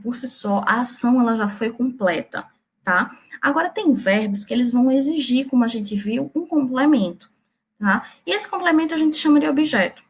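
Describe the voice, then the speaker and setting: A Brazilian woman teaching Portuguese grammar in a recorded lesson, explaining step by step, checking in with her students and making small playful jokes. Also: a little high. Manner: chatty and playful, makes small jokes and slips.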